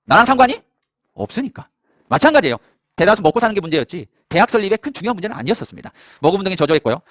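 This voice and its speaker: Fast, lively male history teacher. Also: high-pitched, no room sound. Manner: energetic, jokey, quizzes students. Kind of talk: classroom lecture. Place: classroom with students.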